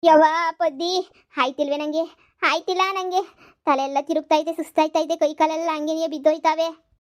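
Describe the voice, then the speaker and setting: Woman voicing a worn-out village woman, high wailing voice, cartoon comedy. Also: little pitch movement, natural voice. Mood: exhausted, moaning. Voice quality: high, wailing, drawn-out calls. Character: weak, worn-out village woman with a stomach bug.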